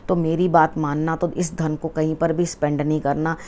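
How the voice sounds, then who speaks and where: A woman tarot reader giving a weekly forecast, speaking earnestly to the viewer and often checking in with a quick "okay" as she advises. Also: low-pitched, level tone, mellow, a little hiss or hum. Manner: mixes English words into Hindi.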